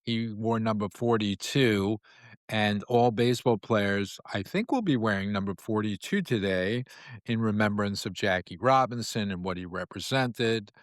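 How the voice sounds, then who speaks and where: A man's voice: lowish voice, moderate pace, no echo, studio quality. A man from New York City hosting his own talk show, speaking in a loose, rambling monologue full of fillers and restarts. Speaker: podcast host. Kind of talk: casual monologue.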